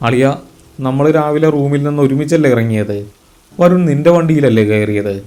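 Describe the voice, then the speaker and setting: A man's voice: medium pitch, normal speed, dark tone, natural voice. A man playing a shaken, trembling young friend. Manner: trembling, near tears. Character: young male college friend, shaken and fearful.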